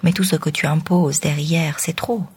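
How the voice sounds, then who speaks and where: Woman reading a blunt buddy ribbing his friend, quiet and husky. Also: low-pitched, steady tone, moderate pace, full character voice. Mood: teasing. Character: joking male friend, blunt and teasing. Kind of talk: audiobook reading.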